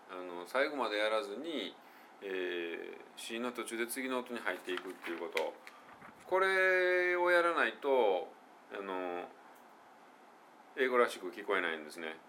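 A middle-aged man with a Kansai accent giving a relaxed spoken English pronunciation lesson, thinking aloud with fillers and slowly demonstrating English phrases. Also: on the low side, slight background noise.

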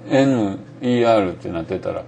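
A man's voice: fairly low pitch, brisk, creaky, dark tone, muffled recording, a little hiss or hum. A middle-aged man with a Kansai Japanese accent, giving a casual spoken lesson on English pronunciation and thinking aloud with many fillers.

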